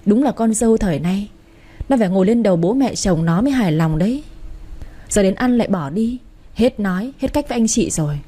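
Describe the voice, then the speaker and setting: A woman voicing a sharp-tongued older village mother-in-law, scornful and needling. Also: medium pitch, animated, a little fast, husky.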